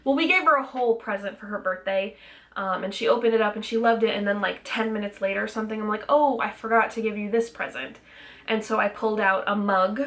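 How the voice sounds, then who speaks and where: A woman's voice: mid-range voice, fast talker, a bit bright. A young woman chatting to her camera in a loose, rambling way. She fills her sentences with ums and restarts, sounding a little out of breath. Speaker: vlogger. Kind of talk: casual vlog chat.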